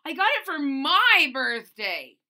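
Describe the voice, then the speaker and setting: A stubborn little girl exclaims loudly in a high, bright voice, as a woman reads her aloud. Her pitch leaps around in a storybook way. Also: big pitch swings, slow pace, exaggerated voice. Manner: loud, high, bouncy exclaiming. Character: excited, stubborn little girl with a toy camera.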